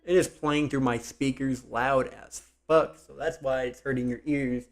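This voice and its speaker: A young man chatting on a live stream from his computer desk, rambling and thinking aloud, speaking louder than his usual soft voice to project. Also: medium pitch, steady tone, measured pace, over music. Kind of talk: casual live-stream chat.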